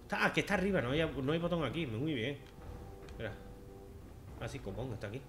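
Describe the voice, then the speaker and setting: A man's voice: mid-range voice, animated, quick pace, slight background noise. Sarcastic Spanish gamer man. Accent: Spain Spanish. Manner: chatty and sarcastic, with sudden loud outbursts. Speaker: gaming video host. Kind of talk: let's-play commentary. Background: game music.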